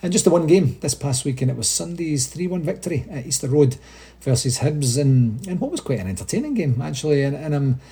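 A man's voice: a little high, animated, fairly quick, dark tone. A Scottish man hosting a casual solo podcast update, chatty and rambling, with frequent restarts. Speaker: supporters' association podcast host.

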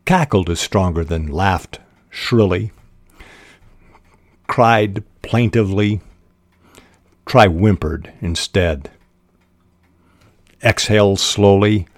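An older man hosting a podcast on writing, giving measured, deliberate advice in a scripted talk. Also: sits low, no room sound, clean studio sound. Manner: measured, deliberate teaching delivery.

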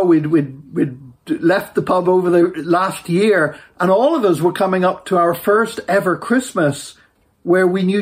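Husky, lilting Irish male storyteller. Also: high voice. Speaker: preacher. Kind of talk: personal testimony storytelling, devotional talk.

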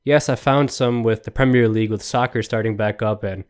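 A man's voice: fairly low pitch, fairly quick, clear, resonant tone. Ranting young man podcasting solo. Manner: animated, exasperated, rambling and jokey. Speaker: podcast host. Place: New York.

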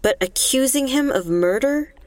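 An actress playing a dry, sarcastic deputy who guards the jail. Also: female voice, high voice, animated, moderate pace, noisy background.

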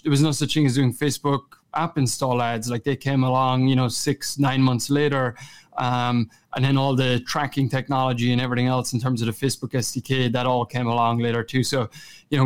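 A man with a west of Ireland Kerry accent, answering interview questions in an informal, conversational way. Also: medium pitch. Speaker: podcast guest, chief marketing officer.

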